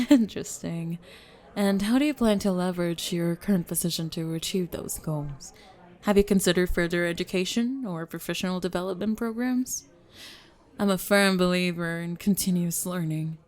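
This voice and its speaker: A driven, formal businesswoman, acted by a woman in an ASMR speed-dating role-play. Her voice sits a little low for a woman. She is brisk and to the point, quizzing her date like a job candidate. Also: a little mellow, close to an everyday voice. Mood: probing, assured.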